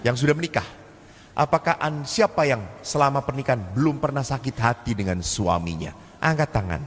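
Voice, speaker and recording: Javanese priest preaching in an echoey hall. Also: male voice, mid-range voice, lively intonation, brisk. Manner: storytelling with acted family dialogue, humorous asides. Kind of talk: sermon-style seminar talk. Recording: echoey hall, faint ambient noise.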